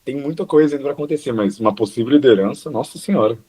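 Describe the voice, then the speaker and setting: A man's voice: mid-range voice, rapid-fire, warm tone, husky, low-quality recording. A man, a radio show guest, giving short laid-back replies in casual chat. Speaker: guest co-host. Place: radio studio.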